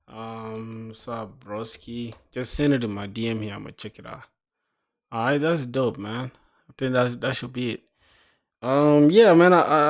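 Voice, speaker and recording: A gravelly young guy with a mid-range voice codes live on stream, chatting casually. He uses slang, calls viewers "bro," mumbles while reading docs, thinks aloud, and erupts into excited reactions in between.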